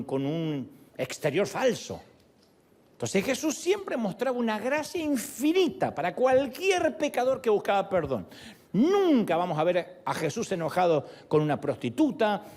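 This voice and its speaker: Male pastor, sermon delivery, lively and expressive, raised pitch. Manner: animated, shifts voice for quoted speech and jokes.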